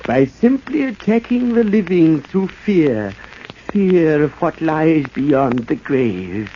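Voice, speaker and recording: An actor playing a deranged, grandiose villain in a 1940s radio drama, with a halting, theatrical, gloating delivery. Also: male voice, fairly high pitch, sing-song. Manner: theatrical, halting, cackling madman. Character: deranged villainous old-time wax artist, gloating and grandiose. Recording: muffled, noisy old radio recording.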